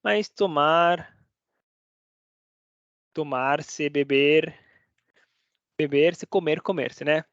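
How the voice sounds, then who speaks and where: A man's voice: on the high side, drawn-out words, long pauses, fairly bright tone, no echo. Chatty male language teacher, dry sound. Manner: chatty, keeps checking in with listeners. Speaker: Spanish teacher. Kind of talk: casual online language lesson. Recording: dry, slightly dull recording.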